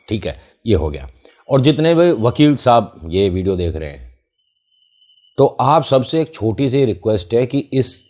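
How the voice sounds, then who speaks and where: A man's voice: fairly low pitch, warm tone. A man hosting a YouTube channel, telling a story in casual chat and acting out the voices of the people he quotes.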